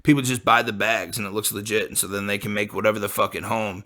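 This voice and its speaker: A late-twenties man from the American Midwest hosts a podcast, rambling in a laid-back, profane way full of likes, you-knows, and other fillers. His voice is fairly low and level in tone, pushed and bright, moving at a quick pace.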